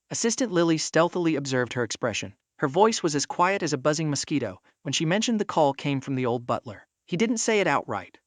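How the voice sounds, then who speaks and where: A man's voice: a little high, dry recording. A man narrating a drama story recap in a breezy, casual, second-person style.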